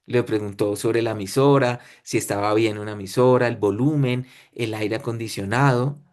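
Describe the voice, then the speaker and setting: A man's voice: fairly low pitch, steady tone, moderate pace, darkish tone. A man with a Colombian accent who presents a webinar and tells a story in the style of a lecture. He talks in short phrases and often checks in with his listeners. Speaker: webinar speaker.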